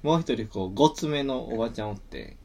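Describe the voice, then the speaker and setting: A man's voice: mid-range voice, expressive, fast, vocal fry, a little mellow, breathy edge. A young man with a Kansai accent, chatting casually as a comedy duo co-host, trailing off into fillers as he tells a story. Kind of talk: casual chat.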